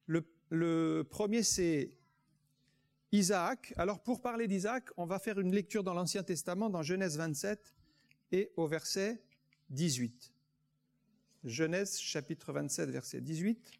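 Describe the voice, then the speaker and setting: A man preaching a sermon and reading aloud from the Bible, slowing down to stress key words. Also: high-pitched, gravelly, darkish tone.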